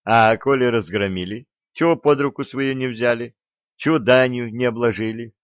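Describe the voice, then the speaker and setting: A man voicing a skeptical, quick-witted wandering hero in an audiobook, pressing with questions. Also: mid-range voice, steady tone, no echo, lo-fi sound, natural voice. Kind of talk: audiobook character reading.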